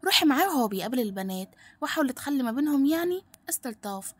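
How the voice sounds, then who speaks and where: Woman voicing a scheming rich mother, Egyptian accent, coaxing, quick, husky. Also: high voice, expressive, no echo. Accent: Egyptian Arabic.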